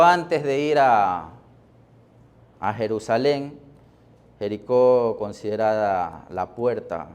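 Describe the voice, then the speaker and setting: A man preaching a sermon as pastor, deliberate, with pauses and fillers, rising in force on key words. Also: medium pitch, a little mellow, clean tone. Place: church.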